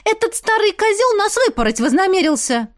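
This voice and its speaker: Woman voicing brash young village girl, shrill and indignant. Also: sing-song, fairly quick, dry recording, studio quality.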